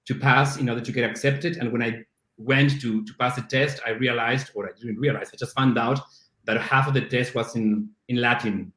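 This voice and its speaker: He's a CrossFit coach from Argentina, middle-aged, a native Spanish speaker with an Argentine accent, guesting on a casual interview podcast. His voice is mid-range, steady, and fairly bright at a normal pace, and his talk is self-deprecating with many restarts, recorded with a roomy echo.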